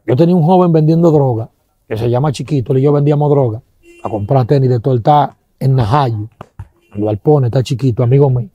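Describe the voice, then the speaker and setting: A man with a Dominican accent giving an animated testimony, acting out sounds and quoting people, with religious exclamations. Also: mid-range voice, fast, no room sound, dull audio.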